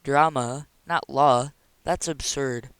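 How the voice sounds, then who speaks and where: A man's voice: fairly high pitch, steady tone, a little slow, smooth, dry recording, lightly acted. A man reading aloud voices a stern, proud old grandmother with a commanding, scolding manner. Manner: imperious, scolding.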